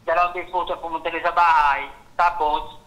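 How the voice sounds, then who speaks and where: A man speaking haltingly in a phone interview, adding "ma'am" after nearly every phrase. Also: a little high, level tone, pushed and bright, low-quality recording. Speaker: complainant caller.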